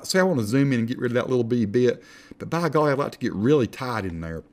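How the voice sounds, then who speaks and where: A man with an Appalachian accent giving a casual, folksy, self-deprecating software tutorial as he talks through each step. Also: mid-range voice. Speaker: tutorial instructor.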